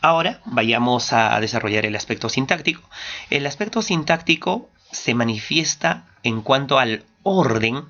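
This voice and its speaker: A man with an Ayacucho Peruvian Spanish accent gives a classroom lecture in a mid-pitched voice. He poses questions and answers them himself, drawing out key words to stress them. The recording sounds dull and lo-fi. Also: animated, bright, forceful tone. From Peru. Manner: stresses key terms, stretching some words slowly. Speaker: teacher.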